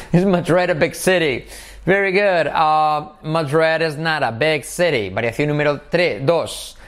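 An English teacher drilling pronunciation for Spanish speakers, repeating phrases and exaggerating sounds. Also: mid-range voice.

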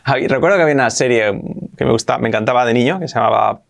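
Gravelly Spanish man teaching English. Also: mid-range voice. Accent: Spanish from Spain. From Spain. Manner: repeats example phrases slowly, acts out little dialogues. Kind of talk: casual language lesson.

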